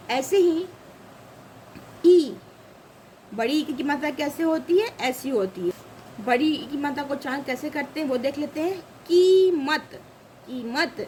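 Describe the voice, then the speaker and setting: A woman's voice: high-pitched, a little mellow, slight background noise, rough recording. A woman teaching a grammar lesson, saying each example word twice and asking the class questions. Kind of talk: slow spoken lesson.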